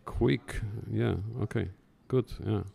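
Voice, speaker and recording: Before a talk audience, this curator chats loosely, often stammering and starting over. He speaks slowly in a lowish, creaky voice with a warm tone.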